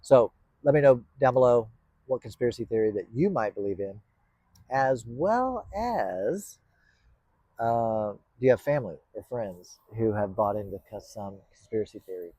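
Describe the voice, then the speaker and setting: A man's voice: medium pitch, lively intonation, moderate pace, dark tone, no room sound, dull audio. A man hosting his own channel, talking casually to the camera in a rambling, hesitant way with many fillers and restarts. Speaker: podcast host. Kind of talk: casual vlog talk to camera.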